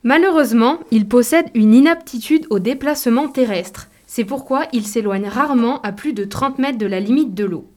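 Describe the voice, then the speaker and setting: A woman's voice: on the high side, moderate pace, few pauses, darkish tone. A woman co-presenting a nature radio programme, reading scripted, informative narration.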